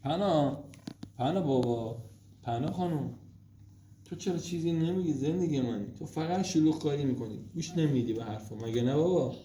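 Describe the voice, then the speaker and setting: A man at home at night, gently and affectionately coaxing his small daughter to go to sleep. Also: a little high. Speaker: father putting his toddler to bed. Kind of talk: casual talk with a small child. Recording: roomy room with faint noise.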